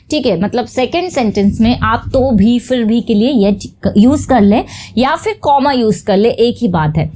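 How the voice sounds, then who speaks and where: A woman teaching English grammar in a bilingual lesson. She reads each English example out slowly, word by word, and checks in often with her listeners. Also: fairly high pitch, darkish tone.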